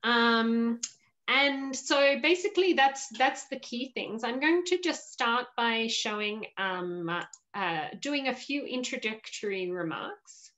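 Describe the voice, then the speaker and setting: Speaking slowly in an expressive, somewhat bright voice that sits on the high side, this webinar host welcomes people with upbeat warmth and plenty of filler words. She's a woman in her forties running an online panel from home, in a room with shelves, captured by a laptop webcam on a video call.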